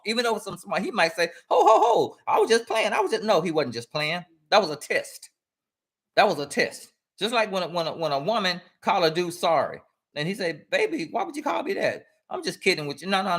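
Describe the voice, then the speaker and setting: A man's voice: high-pitched, fairly bright tone. Emphatic man giving blunt advice. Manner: earnest, emphatic, repeats phrases for stress; informal speech with dropped verb endings. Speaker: guest speaker. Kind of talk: casual advice talk.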